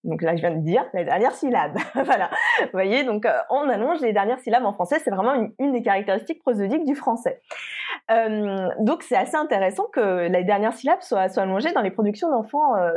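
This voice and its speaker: A woman's voice: mid-range voice, expressive, brisk, a little mellow. A woman, a linguist researcher answering interview questions carefully, with frequent hesitations and restarts.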